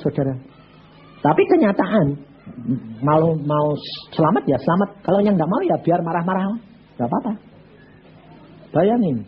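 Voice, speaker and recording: A man's voice: mid-range voice, lo-fi sound, a little hiss or hum. A man preaching a sermon, telling stories bluntly and acting out both sides of the conversations. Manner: blunt, animated storytelling, acts out both sides of dialogues. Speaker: evangelist preacher. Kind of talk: sermon with acted-out anecdotes.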